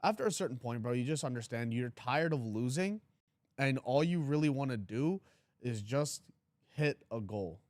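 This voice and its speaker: A man's voice: medium pitch, animated, normal speed, darkish tone, dry recording, clean studio sound. A man in his twenties hosting a trading livestream, talking casually and bluntly, teasing his chat and reading comments aloud. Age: 20s.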